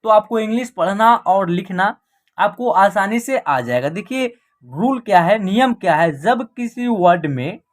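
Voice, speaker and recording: A woman teaching an online English class, spelling words out letter by letter, then asking short questions and answering them herself, with a frequent "okay" check-in. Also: medium pitch. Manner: repeats "ठीक है" as a check-in.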